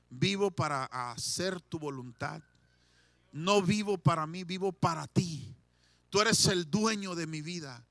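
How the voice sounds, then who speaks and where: Impassioned pastor with a bright, high voice. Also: male voice, no echo. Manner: impassioned preaching, swings from shouting to hushed pleading; leads the congregation in call-and-response. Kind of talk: sermon.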